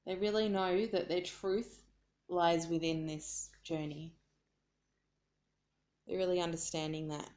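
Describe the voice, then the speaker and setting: Australian woman, card reader; low, even delivery, earnest and searching; echoey room. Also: a little slow, pauses often. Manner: earnest, searching for words as she reads. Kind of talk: casual spoken card reading.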